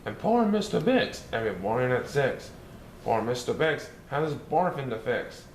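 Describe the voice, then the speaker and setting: A man's voice: medium pitch, sing-song, normal speed. A man doing the Cat in the Hat, bouncy. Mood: playful. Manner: sing-song, bouncy, swooping delivery. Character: playful mischievous male cartoon cat storyteller. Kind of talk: rhyming storybook reading. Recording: roomy echo, faint hiss.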